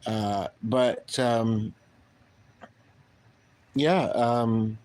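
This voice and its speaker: A middle-aged Canadian man hosts his own livestream, chatting casually in a mid-range, darkish voice with fairly even intonation. His talk rambles and halts, with many pauses and restarts.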